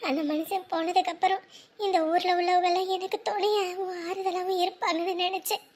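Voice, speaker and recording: A woman's voice: very high-pitched, level tone, fairly quick, a little mellow. A woman playing a grieving, mournful mother. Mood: sorrowful. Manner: mournful, reminiscing. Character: grieving widowed mother, sorrowful, reflective. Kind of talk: Tamil family drama acting.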